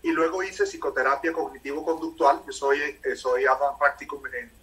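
A man's voice: mid-range voice, steady tone, moderate pace, a bit bright. Middle-aged colombian guy w coastal accent, explains stuff, restarts a bit, kinda far off mic on a zoom call. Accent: Colombian Caribbean coast, close to Venezuelan. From La Guajira, northern Colombia. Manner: explanatory, fluent with occasional restarts. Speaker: interview guest, psychologist. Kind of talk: video call interview. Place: home room. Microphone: video call.

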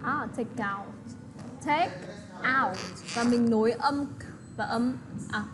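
Woman teacher walking kids thru english words, a bit high voice, slow and patient, steady hiss behind. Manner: patient, slow model pronunciation with tag questions. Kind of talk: English lesson for children, explained in another language. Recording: steady background noise.

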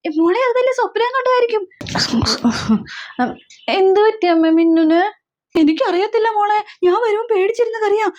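A woman's voice: very high voice, normal speed, darkish tone, highs cut off, voice pushed up. A woman voicing an old grandmother who fusses over and coaxes a frightened child in a comic family skit. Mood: soothing. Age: older. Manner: coaxing, fussing. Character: fussing soothing old grandmother.

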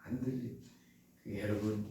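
Man pastor, mellow tone, emphatic sermon, very echoey church heard from far off. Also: fairly low pitch, steady tone, moderate pace. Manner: emphatic preaching, quoting scripture, rhetorical questions to congregation. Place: church sanctuary.

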